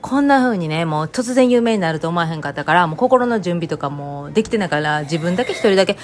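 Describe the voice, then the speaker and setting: Chatty Kansai woman, lowish voice. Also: lively intonation, fast, a little hiss or hum. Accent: Kansai Japanese. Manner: chatty, rambling, joking, many fillers. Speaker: vlogger. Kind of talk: casual chat to camera.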